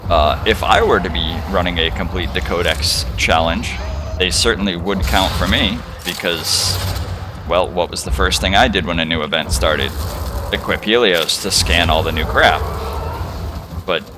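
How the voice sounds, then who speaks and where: Brief: young male streamer, lowish voice, loose profane chatter, steady noise behind. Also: moderate pace. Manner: rambling, profane, chatty, many fillers. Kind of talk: casual gameplay commentary.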